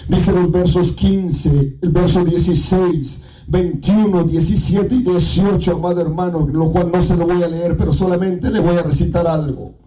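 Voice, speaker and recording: A man from Guatemala with a Guatemalan Spanish accent preaching an evangelical sermon, swinging into shouted, half-sung climaxes and returning again and again to "amado hermano". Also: high voice, fairly even intonation, normal speed, recorded from a distance, poor audio. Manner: repeats "amado hermano" as a refrain.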